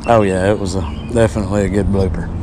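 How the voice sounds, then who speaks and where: A man's voice: low-pitched, fairly even intonation, fast. A man giving laid-back, folksy commentary while fishing from a small boat on a lake, recorded on an action camera. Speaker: fishing vlogger. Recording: loud outdoor wind and water noise. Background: outdoor water noise.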